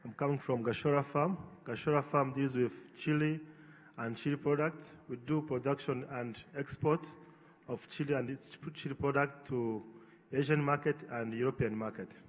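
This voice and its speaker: A man's voice: mid-range voice, steady tone, moderate pace. A man, an agribusiness entrepreneur answering on a panel in an earnest, hesitant way with many fillers. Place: large conference hall. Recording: reverberant conference hall, faint ambience.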